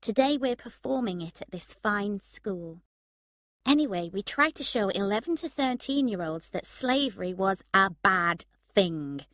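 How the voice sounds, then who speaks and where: A woman's voice: mid-range voice, animated, unhurried, fairly bright tone, no echo, studio quality. A woman reading the lines of a wry, self-mocking, idealistic young woman in a storybook reading. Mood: chatty.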